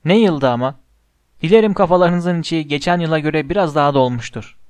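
A man voicing a cheerful elderly headmaster wizard who speaks slowly and grandly to a hall of students. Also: a little high, a little mellow, smooth, natural voice. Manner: cheerful, slow and grand speech.

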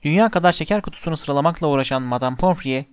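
A man narrating an audiobook in measured, scripted storytelling. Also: on the high side, smooth, dry recording, studio quality.

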